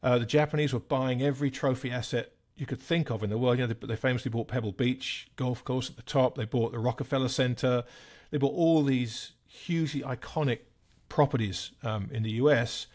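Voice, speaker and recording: A man in his sixties, a guest on an interview, explaining in a measured, thoughtful way. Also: medium pitch, fairly even intonation, a little mellow. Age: 60s. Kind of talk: conversational interview.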